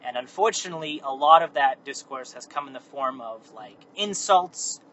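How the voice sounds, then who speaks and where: A man's voice: mid-range voice, animated, normal speed, fairly bright tone. A man hosting a casual, meandering, unscripted monologue, recorded on his phone while driving. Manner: casual, meandering, self-correcting. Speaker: host. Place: inside a car. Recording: muffled phone recording in a car with faint road noise.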